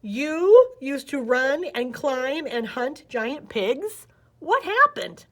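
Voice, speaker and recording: An excitable young male python from a picture book, voiced by a woman reader. He is high-pitched and eager, with an exclamatory way of speaking. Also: takes it slowly, full character voice. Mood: astonished.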